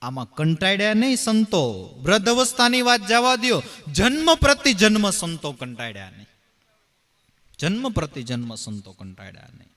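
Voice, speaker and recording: A man giving a devotional discourse, animated and full of rhetorical questions, raising and dropping his voice for emphasis. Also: sits high, moderate pace. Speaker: devotional preacher and bhajan singer.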